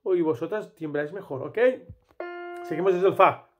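Animated Spanish tenor teaching singing. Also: male voice, on the high side, normal speed, lo-fi sound, over music. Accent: Spain Spanish. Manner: animated, sings vocal exercises between plain explanation. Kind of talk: casual singing lesson with vocal demonstrations.

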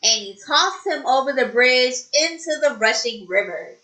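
Woman, preschool teacher, storytime reading, slow and expressive, talking to children, slightly high voice, roomy echo. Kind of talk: storytime read-aloud and activity instructions.

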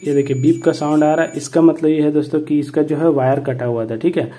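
A man explaining a repair step by step in a plain tutorial manner, often pausing to check in with viewers. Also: a little high, fairly even intonation, mellow. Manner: plain explanatory, repeats "ठीक है" and "दोस्तों".

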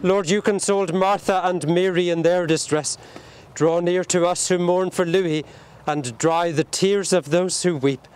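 A man leading a burial service outdoors at a cemetery, reciting the prayers in a solemn, measured way. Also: high voice, steady tone, darkish tone, clean tone. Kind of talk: liturgical graveside prayer.

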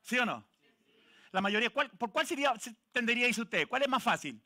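A high-pitched man with a Chilean Spanish accent preaches a lively sermon, teasing his congregation and calling people out by name. His voice is bright and ringing. He sounds like a pastor speaking to a church. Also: brisk.

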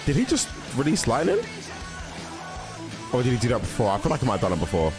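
A young man hosts a reaction video from an indoor room, his mid-range voice sing-song and fast as he speaks close into a large microphone. His commentary is casual and slangy; he thinks aloud and repeats himself, with music and show audio playing behind him.

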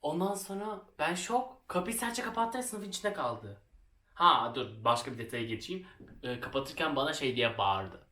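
A man's voice: fairly high pitch, lively intonation, moderate pace, pushed and bright. Chatty young man telling stories, roomy sound. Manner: chatty, self-mocking, laughs often. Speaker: vlogger. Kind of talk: casual storytelling while crafting. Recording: roomy, somewhat distant from the mic.

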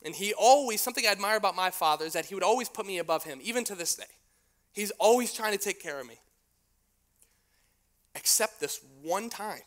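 Animated young male youth pastor. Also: a little high. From United States. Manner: animated storyteller, slangy, swings from hushed to shouting. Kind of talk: youth sermon with storytelling.

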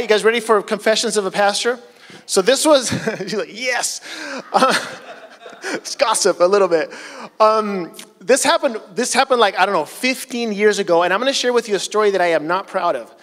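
A middle-aged pastor preaching a casual sermon on a church stage with a handheld mic, telling personal stories in a conversational, self-deprecating way. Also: male voice, high-pitched, brisk, fairly bright tone. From Chile. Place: church stage, large hall. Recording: long church hall reverb.

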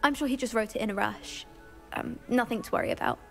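Polite kind young witch student in a game, slightly high voice. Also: fast, vocal fry, faint music behind. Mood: friendly, polite. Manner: polite, gentle. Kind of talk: video game dialogue.

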